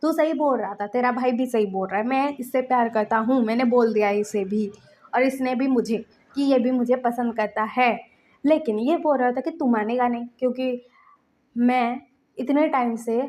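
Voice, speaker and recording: A woman's voice: fairly high pitch, normal speed, darkish tone, lightly acted. A woman voicing an earnest lovestruck young man who pleads and protests in casual slang. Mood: earnest, protesting.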